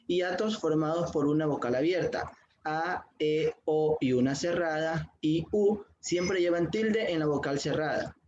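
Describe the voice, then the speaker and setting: A man's voice: fairly high pitch, measured pace, a little mellow, highs cut off, a little hiss or hum. A man student opening and giving part of a class presentation, reading steadily with small hesitations. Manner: reads steadily with occasional "eh" fillers.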